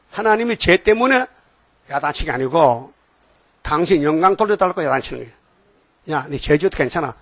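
A man's voice: on the high side, no room sound. An older man preaching a sermon, emphatic and constantly prompting the congregation for a response. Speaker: pastor.

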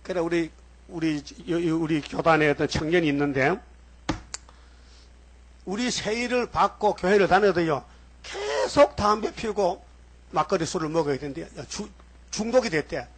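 A man's voice: a little high, expressive, moderate pace, long pauses, breathy edge. A man preaching as a pastor in a church, in a rambling style that keeps putting questions straight to the congregation. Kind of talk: sermon.

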